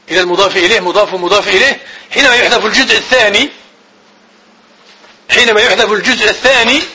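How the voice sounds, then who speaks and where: Male grammar teacher; high voice, fast talk, asks students questions and answers them himself. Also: bright, forceful tone, slightly rough, poor audio. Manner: repeats definitions slowly as if dictating. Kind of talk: classroom grammar lecture.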